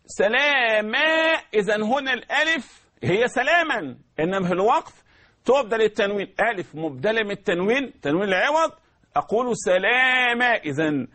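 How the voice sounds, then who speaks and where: Egyptian male tajweed teacher, high bright voice, slow, drawn-out demonstrations. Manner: slow drawn-out recitation, repeats sounds for students to copy. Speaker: Quran recitation teacher. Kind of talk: tajweed lesson with recited verses.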